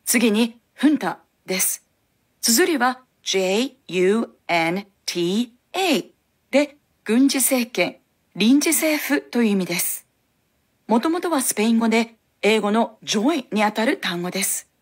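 A woman hosting a language lesson, giving clear, instructive scripted explanations on a studio microphone. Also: fairly high pitch, lively intonation, unhurried.

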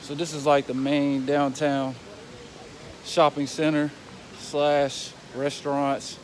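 A man in his twenties, a football player, walking through a city and talking casually to his phone camera, relaxed and grateful. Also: a little high, slow pace. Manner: relaxed, grateful, talks while walking outdoors. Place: outdoor city streets and square. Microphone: phone camera held at arm's length. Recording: street noise and passing traffic.

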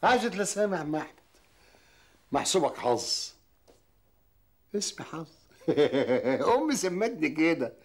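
An actor playing a joking prison inmate who greets a newcomer with banter, in a TV drama. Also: male voice, fairly high pitch, very animated, measured pace, pauses often, exaggerated voice. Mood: jovial. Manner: chuckling, teasing banter. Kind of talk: TV drama acting.

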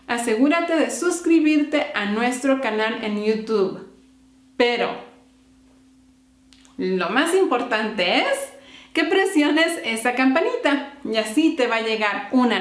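High-voiced woman teaching English slowly. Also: reverberant. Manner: clear, deliberate modeling of phrases for repetition. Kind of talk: bilingual language lesson.

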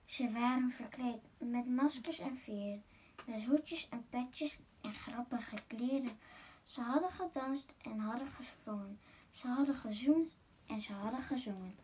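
A woman with a husky, mellow voice reads a rhyming picture book for children. She follows the rhythm of the verses in a gentle, sing-song way, pitched a little above the middle. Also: measured pace. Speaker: masked guest reader.

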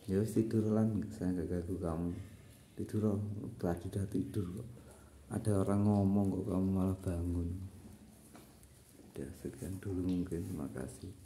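A man's voice: sits low, fairly even intonation, warm tone, a little hiss or hum. A man talking casually to his pet, coaxing it to sleep. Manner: slow, soothing, coaxing an animal to sleep. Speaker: pet vlogger.

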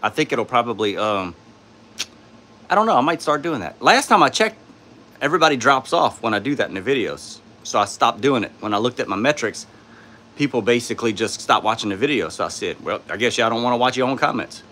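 A man with a sore throat hosting a casual live stream, answering chat in a tired, low-key way from his home studio on a phone. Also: expressive, a little fast, pushed and bright, a little hiss or hum. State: sore throat, speaking softly.

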